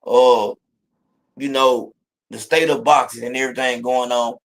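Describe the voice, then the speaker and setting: A man's voice: mid-range voice, fairly even intonation, unhurried, low-quality recording. A man hosting a casual interview, encouraging and full of faith talk, who keeps dropping "you know what I'm saying" into his sentences. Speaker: podcast host.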